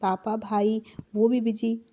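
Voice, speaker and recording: A woman's voice: on the high side, monotone, slow, warm tone. A young woman narrating her family's festival day in a chatty, affectionate way, laughing now and then. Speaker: vlogger. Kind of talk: casual festival vlog narration.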